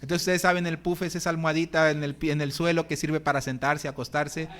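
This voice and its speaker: A man's voice: a little high, little pitch movement, fast talker, a bit bright. A middle-aged man preaching as pastor in a church, telling funny stories about himself and acting out his own groans. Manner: humorous, acts out his own groans and complaints. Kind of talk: sermon. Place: church hall.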